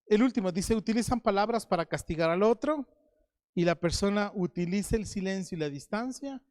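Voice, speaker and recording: A man with an Ecuadorian Spanish accent preaching a sermon, animated, swinging between loud exclamations and quiet asides. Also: high-pitched, a little fast, no echo, clean studio sound.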